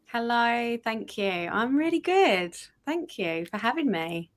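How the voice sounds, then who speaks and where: A woman's voice: a little high, very animated, takes it slowly. A woman in her thirties with an English accent, chatting in a friendly way as an interview guest and laughing easily. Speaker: interview guest, motherhood coach. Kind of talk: casual interview conversation.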